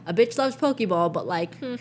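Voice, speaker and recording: A young woman co-hosting a casual chat show, telling animated stories full of "like" and swearing. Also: medium pitch, a little fast, slight background noise. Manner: animated storyteller, swears freely, lots of "like". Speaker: podcast co-host.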